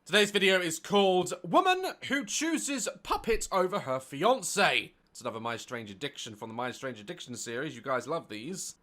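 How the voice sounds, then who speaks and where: A man's voice: fairly high pitch, pushed and bright. A man hosting a casual reaction video from his home office, joking and laughing often. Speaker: YouTube reaction host.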